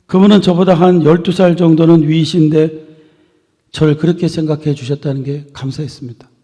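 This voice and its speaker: A male pastor preaching a sermon to his congregation in a church, building phrases up with emphasis and letting them fall soft at the ends. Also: fairly high pitch, steady tone, brisk. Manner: earnest preaching with swelling emphasis and soft trailing endings. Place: church sanctuary. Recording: long reverb of a church hall.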